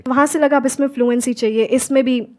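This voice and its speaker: A woman's voice: high-pitched, fairly even intonation, fast, darkish tone. A young woman from Haryana, a guest giving earnest answers in an interview and mixing Hindi with fluent English. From Haryana, India. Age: young adult. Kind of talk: answering interview questions on stage.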